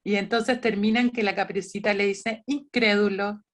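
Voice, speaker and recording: Speaking fairly quickly in a steady, medium-pitched voice, a woman librarian coaches volunteer storytellers in an online training session. She explains conversationally, with frequent restarts and quoted speech.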